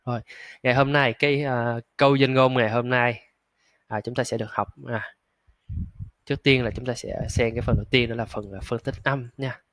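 A man leads an English pronunciation lesson, pausing on fillers and drawing each model word out very slowly. His voice sits at an ordinary middle pitch. The sound is dry and close, with almost no room echo. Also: steady tone, a bit bright. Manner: slow, drawn-out model words, frequent filler "à". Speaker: English teacher.

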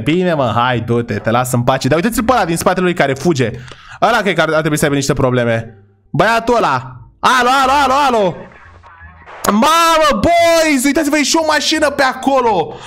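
Excitable man doing chatty game commentary. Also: fairly high pitch. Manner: excitable, often yells at game characters; chatty, talks to viewers as his brothers and boys. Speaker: gaming YouTuber. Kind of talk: casual gameplay commentary.

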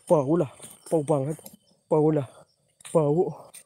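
On a night-time outdoor ghost-hunting livestream, a man chats with his audience, reading viewer names in thanks and slipping in Javanese slang, punctuated by sudden exclamations. His voice is a little high, slow and steady in tone, mellow, slightly rough, and without echo.

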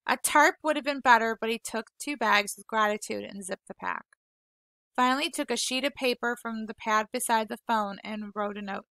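A woman teacher reading a novel aloud to her class, unhurried and gentle, apologizing now and then when she stumbles over words. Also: a little high, gravelly, no room sound. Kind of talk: read-aloud storytelling.

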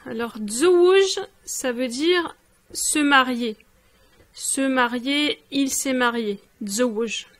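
Slow high-voiced woman teaching vocabulary. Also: a bit bright. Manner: slow, careful, repeats each word. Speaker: language teacher. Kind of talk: vocabulary lesson. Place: Rabat, Morocco.

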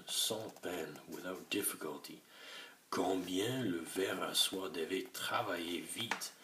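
A deep-voiced man reads a story slowly, stopping to translate each phrase and explain words. His voice echoes in the room over a steady bed of noise, with clicks now and then. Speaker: teacher reading a French story. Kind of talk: bilingual story reading lesson.

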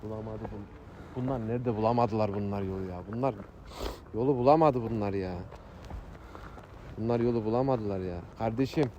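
A man's voice: fairly low pitch, fairly quick, long pauses, mellow, dull audio, a little hiss or hum. A man outdoors urgently persuading strangers to watch someone for a couple of minutes. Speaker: prank accomplice. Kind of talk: casual street talk. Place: outdoors on a street.

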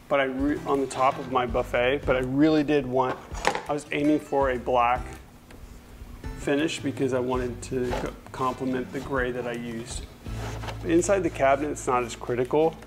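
A furniture refinisher brushes and wipes stain at a paint-spattered table in an indoor workshop, casually narrating how it's done, rambling and correcting himself mid-sentence. His medium-pitched voice keeps a steady tone at a moderate pace. He's recorded on a lapel mic with music playing underneath.

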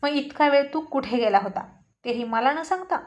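A woman reading the lines of a sharp-tongued young wife in a storybook tale, firing pointed questions and firm warnings. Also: high-pitched, lively intonation, moderate pace. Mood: angry.

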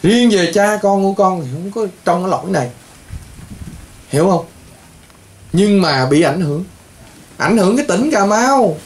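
A male priest with a high-pitched voice. He rambles, scolds and lectures his listeners, often breaking into exclamations. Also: lively intonation, normal speed, pauses often. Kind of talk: scolding talk to patients.

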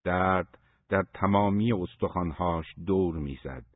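Male audiobook reader, deep and husky, measured pacing, dry phone-like recording. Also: no room sound. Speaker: audiobook narrator. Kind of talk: scripted audiobook narration. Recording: dry, phone-like narrow sound.

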